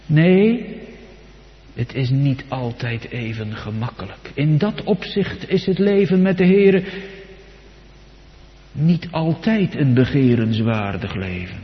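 A man preaching a sermon in a solemn cadence, his voice swelling loud and high for quoted psalms and sinking low and soft in between. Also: lively intonation, slow pace, pauses often. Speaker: pastor. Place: church. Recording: dull sound with long church reverb.

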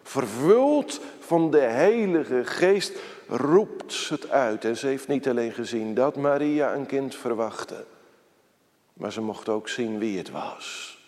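A man preaching a sermon to his congregation, slow and emphatic, quoting scripture in a solemn tone. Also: medium pitch, animated, a little mellow. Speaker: pastor. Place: church. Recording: church hall reverb.

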